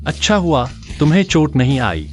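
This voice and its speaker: A man dubbing a gentle, protective young man in a dubbed short drama, speaking softly and reassuringly. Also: a little high, sing-song, moderate pace, soft background music. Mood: tender.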